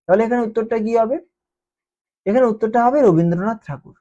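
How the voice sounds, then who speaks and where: Mellow woman teaching. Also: on the high side, fast. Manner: repeats key terms and keeps asking "ঠিক আছে?". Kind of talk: exam-prep lesson explanation. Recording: dull lo-fi recording.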